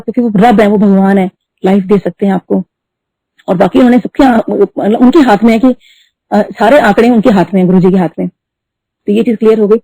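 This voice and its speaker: A middle-aged woman telling a devotional story at a satsang, talking fast and mixing in English words. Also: fairly high pitch, dark tone, no room sound. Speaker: devotee sharing testimony. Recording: dull lo-fi dry recording.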